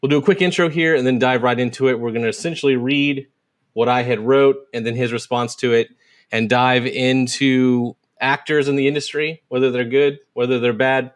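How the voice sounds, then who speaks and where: A man's voice: medium pitch, steady tone. A man hosting a casual podcast conversation, sometimes reading written posts aloud at speed. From United States. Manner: reads quoted posts aloud quickly. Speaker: podcast host.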